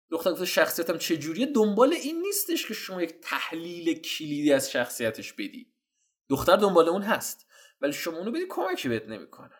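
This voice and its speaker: A man giving casual, slangy dating advice while walking viewers through chat screenshots. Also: a little high. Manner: slangy, animated, addresses viewers as "guys". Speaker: dating coach.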